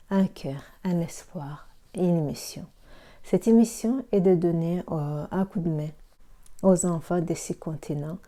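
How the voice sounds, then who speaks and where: Dark-voiced woman from Rwanda presenting. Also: on the low side. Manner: reads steadily with hesitant fillers. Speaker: pharmacy assistant and network marketer. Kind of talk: prepared presentation.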